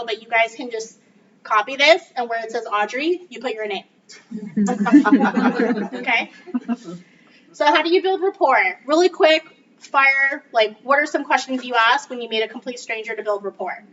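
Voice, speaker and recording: A woman's voice: a little high, normal speed, fairly bright tone. A woman trainer giving an upbeat, casual coaching talk to a group in a meeting room. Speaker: real estate trainer. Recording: distant, dull mic with faint noise.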